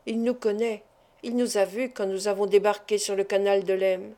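A woman reading the part of a hunted nobleman warning in a low, urgent voice. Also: level tone, normal speed, warm tone, close to an everyday voice. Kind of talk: audiobook character reading.

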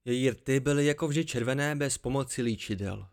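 A man narrating an amateur audiobook in a steady first-person storytelling voice. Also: mid-range voice.

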